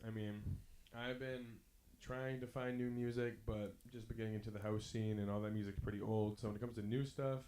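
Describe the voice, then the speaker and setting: A man's voice: on the low side, fairly even intonation, a little fast, few pauses, dark tone. A laid-back man in a casual podcast chat, speaking into a poor microphone. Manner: laid-back, enthusiastic about music. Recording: roomy, echoey cheap mic.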